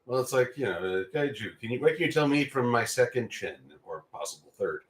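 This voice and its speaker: A man's voice: mid-range voice, animated, a little fast, roomy sound. A man co-hosting a casual livestream discussion, joking and playful. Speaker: co-host.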